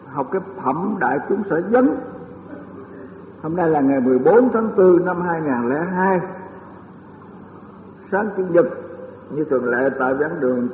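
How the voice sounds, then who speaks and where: An older man, a Buddhist monk, giving a rambling dharma lecture with many fillers and self-deprecating asides in a temple lecture hall. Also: fairly high pitch. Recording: tinny lo-fi, echoey hall, faint hiss.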